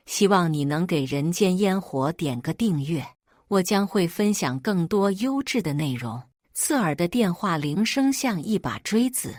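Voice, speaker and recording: A woman's voice: on the low side, no echo, clean studio sound. Woman narrating a dramatic story. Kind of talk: scripted first-person story narration.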